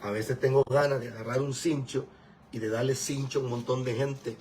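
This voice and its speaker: A man's voice: mid-range voice, fairly even intonation, moderate pace, darkish tone, slight background noise, low-quality recording. A man preaching a sermon as a pastor, emphatic and scolding. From Venezuela.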